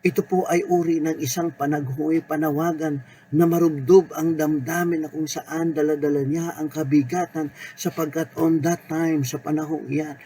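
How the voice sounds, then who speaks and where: A man preaching a sermon in an unhurried way, mixing Tagalog and English and repeating key words. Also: a little high, darkish tone, slight background noise, poor audio.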